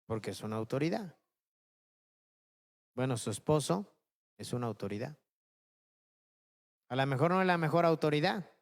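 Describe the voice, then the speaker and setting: A man's voice: a little high, expressive, normal speed, creaky, long pauses. A man preaching a sermon as pastor, who keeps checking in with his listeners and asks rhetorical questions.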